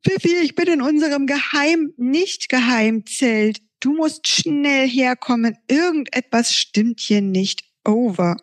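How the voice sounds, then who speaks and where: A woman's voice: high voice, a little slow, hardly any pauses, pitched above the performer's own voice. A woman voicing a brave young girl in a storybook reading, calling out urgently. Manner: urgent, breathy walkie-talkie calls.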